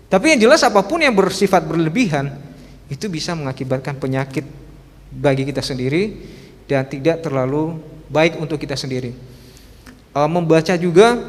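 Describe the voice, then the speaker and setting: A man preaching at a youth service in a casual, humorous way, chatting and laughing often as he talks. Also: a little high. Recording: long hall reverb.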